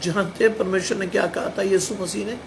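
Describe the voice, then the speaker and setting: A man's voice: high voice, steady tone, brisk, background noise. A man preaching a sermon, blunt and emphatic, firing rhetorical questions at his listeners. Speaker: pastor.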